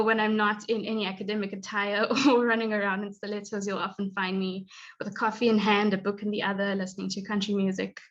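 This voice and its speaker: A graduate student in her 20s, born in Zimbabwe and raised in South Africa, gives a prepared talk as a guest speaker in a mid-range voice. She slips in small laughs and fillers, and the sound is lo-fi.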